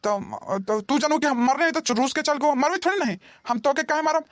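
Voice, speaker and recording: A woman's voice: high-pitched, moderate pace, no echo, clean studio sound, natural voice. A woman voicing an aging cartoon husband who coaxes his wife and stammers through excuses, with a Bhojpuri accent. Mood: pleading. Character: aging husband, pleading and wheedling. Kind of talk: cartoon voice acting.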